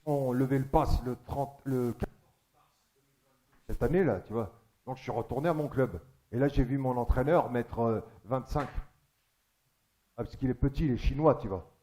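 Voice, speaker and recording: A man's voice: mid-range voice, moderate pace, pauses often, mellow. A man doing a stand-up comedy monologue on a theatre stage, chatty and crude, teasing the audience.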